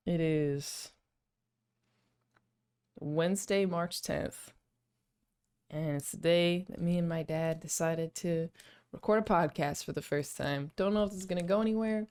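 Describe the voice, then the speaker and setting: A woman's voice: on the low side, unhurried, long pauses, darkish tone, smooth. A young woman hosting a casual podcast chat over a call, sounding groggy and sleepy, talking tentatively with many fillers. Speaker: podcast host. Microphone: video call.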